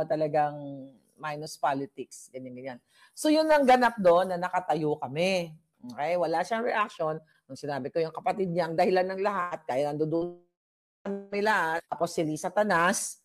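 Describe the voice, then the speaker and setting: A woman vlogger telling a story in a casual, animated, gossipy way, mixing in English phrases and often laughing between lines. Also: on the low side.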